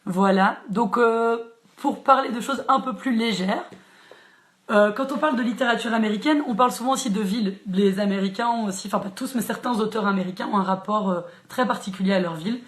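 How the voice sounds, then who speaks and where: A woman's voice: a little high, a little fast. A woman who hosts a live book chat and talks casually with many fillers and restarts. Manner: chatty, frequent fillers and restarts, laughs easily. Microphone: phone or laptop live stream. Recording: echoey room.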